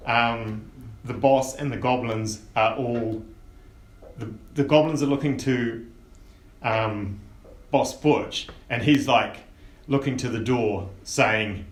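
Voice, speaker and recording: A man narrating as game master of a tabletop game, relaxed and rambling with many fillers. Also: medium pitch, slow pace. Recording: echoey room with faint hiss.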